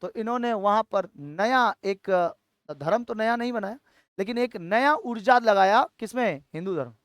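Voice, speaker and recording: A man's voice: high voice, animated, measured pace, a bit bright, no echo, clean studio sound. A male teacher gives a history lecture. He keeps asking the class questions, answers them himself, and checks in with "theek hai" all the time.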